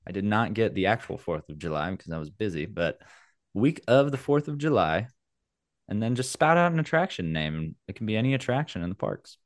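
Male game host, casual and theatrical, very lively intonation, dry sound. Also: on the low side, no echo. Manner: playful, theatrical announcing with dramatic pauses. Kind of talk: casual podcast-style game hosting.

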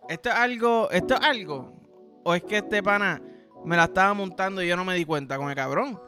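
A man's voice: high voice, fairly quick, sharp tone, soft background music. A young Puerto Rican man hosting a podcast, telling a rambling, profane comic story in a casual monologue. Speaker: podcast host.

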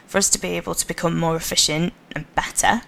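A woman with a Liverpool accent speaks in a low register with a gravelly rasp. She talks with confidence and emphasis as a guest in a casual podcast interview. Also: fairly even intonation, fairly bright tone. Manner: confident, emphatic, quick to laugh. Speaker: podcast guest, sustainability lead.

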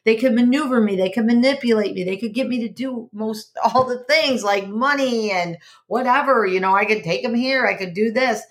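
Earnest middle-aged woman giving life advice. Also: a little high. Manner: earnest, repetitive, restarts mid-sentence. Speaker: podcast host. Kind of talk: personal advice monologue.

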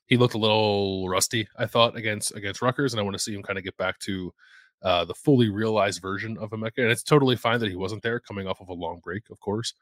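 A man's voice: lowish voice, fairly bright tone, dry recording. A man co-hosting a sports podcast, easygoing and hedging with 'like' as he breaks down plays. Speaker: podcast co-host. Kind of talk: casual sports podcast analysis.

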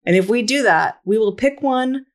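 A woman's voice: on the high side, animated, normal speed. A woman co-hosting a podcast in a casual, playful chat, laughing often. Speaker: podcast co-host.

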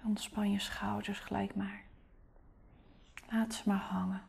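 Female meditation guide, soft spa whisper, creaky edges, dark mellow tone, gentle and unhurried. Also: medium pitch, flat delivery. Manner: gentle, soothing, unhurried instruction.

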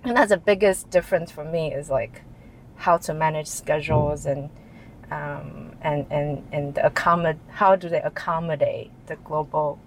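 A woman's voice: sits low, fairly even intonation, moderate pace, slight background noise, rough recording. A woman who grew up in Taiwan, answering interview questions in a chatty way with frequent laughs and restarts. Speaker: interview guest, chief information officer.

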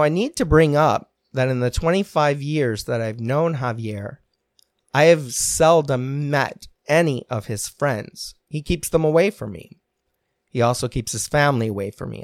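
A man candidly recounting a painful personal story, earnest and reflective, pausing and restarting as he talks. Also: mid-range voice, dry recording, studio quality. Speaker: podcast guest telling his story.

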